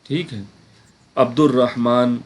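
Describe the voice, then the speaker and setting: A man teaching a Quran grammar class, explaining patiently, checking in with his students and slowly repeating words to show how they are said. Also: medium pitch, steady tone. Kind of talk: online class lecture.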